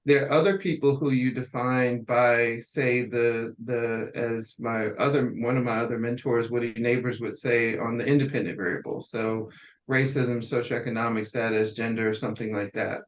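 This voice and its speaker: A man's voice: mid-range voice, fairly even intonation, moderate pace. Man, interview host, conversational, thoughtful long questions, muffled lo-fi sound. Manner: careful, searching framing of questions. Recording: dull lo-fi audio.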